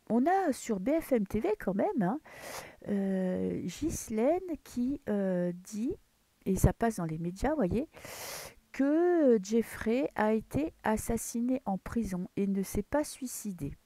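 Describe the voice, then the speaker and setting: A woman's voice: medium pitch, sing-song, takes it slowly, mellow, no echo. A woman with a French accent chatting casually while she reads tarot cards, rambling with many fillers and restarts. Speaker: tarot reader. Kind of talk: casual chat with tarot reading. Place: dim room at home, early morning.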